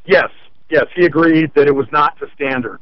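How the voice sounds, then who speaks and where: A man's voice: a little high, normal speed, dry recording. Man calling in over a muffled phone line. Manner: explains his complaint step by step. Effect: heard over a phone line. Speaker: caller to a consumer-advice radio show. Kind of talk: call-in conversation.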